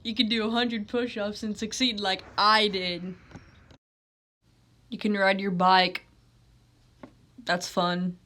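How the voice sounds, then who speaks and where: Slow-talking woman listing ideas. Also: mid-range voice, flat delivery, a bit bright. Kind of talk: casual video presenting.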